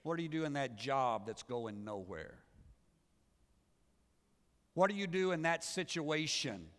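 A pastor preaching a sermon, swinging from loud rising calls to low, quiet endings. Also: male voice, big pitch swings, measured pace. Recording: church sermon with long reverb.

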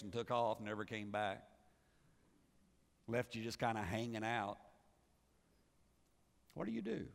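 A pastor preaches with a mid-range male voice. He pushes up into loud, high calls, then drops to low, soft closing lines. The sound rings with the long reverb of a large church hall. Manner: preaching with big swings between loud calls and low, quiet closes. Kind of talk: sermon.

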